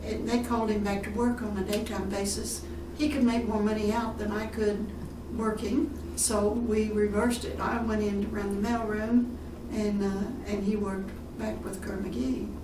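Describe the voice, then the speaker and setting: This oral history interview features an older Texan woman from a retirement community talking about her life at normal speed. Her pitch is medium with little movement, and she is unhurried, often using fillers and restarting; background noise comes through the distant, roomy mic.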